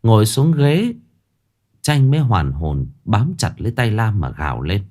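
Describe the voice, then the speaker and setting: A man narrating a dramatic ghost story in an expressive way. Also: on the low side, unhurried.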